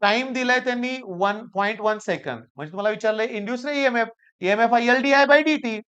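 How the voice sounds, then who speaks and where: A man with a Marathi accent teaching physics for an exam, hoarse from a sore throat, coaxing his students and repeating the key points. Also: extremely high pitch, fairly quick, a bit bright. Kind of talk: exam-prep lecture.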